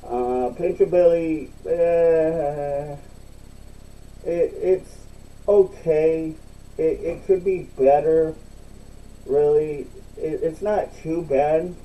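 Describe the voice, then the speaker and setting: A man giving a casual, unscripted review in a halting, repetitive way, recorded slightly away from the mic. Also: on the high side, fairly even intonation, mellow, far from the mic, poor audio. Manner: halting, repeats himself. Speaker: product reviewer.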